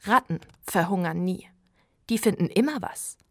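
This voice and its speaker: A woman's voice: on the low side, normal speed, a bit bright, no echo, clean studio sound. A woman reading aloud, voicing a grumbling young boy who likes to spook the others.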